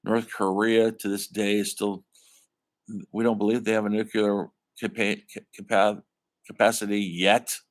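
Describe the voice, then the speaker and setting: The speaker is an older man, a college film instructor, chatting through a classroom lecture and referring to the students as folks. His pitch is fairly low, his tone level, and his pace a little slow.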